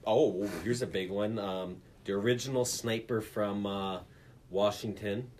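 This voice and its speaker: A man's voice: fairly low pitch, steady tone, a little slow, darkish tone, a little hiss or hum. A man co-hosting a casual podcast, reading out a list with joking asides. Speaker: podcast co-host. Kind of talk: casual chat.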